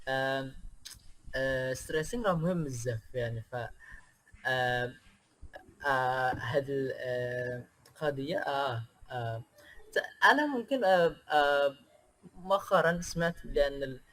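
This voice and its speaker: A man from Indonesia, a native Indonesian speaker, chatting as an interview guest in a hesitant way with many pauses and filler sounds. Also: medium pitch, fairly bright tone. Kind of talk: casual interview chat.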